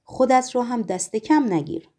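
A woman voicing a stern, probing male Roman governor who asks measured, formal questions. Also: on the high side, animated, dark tone.

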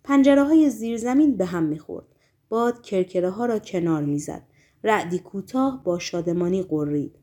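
This woman, speaking at a medium pitch, narrates a novel for an audiobook. Her storytelling voice stays steady and measured, softening during descriptive passages.

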